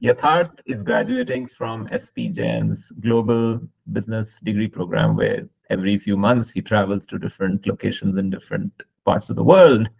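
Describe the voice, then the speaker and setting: A man hosting a podcast, asking long, winding questions in a measured conversational way, on slightly muffled audio. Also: on the low side, lively intonation, creaky, darkish tone, slightly rough. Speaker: podcast host. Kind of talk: conversational interviewing.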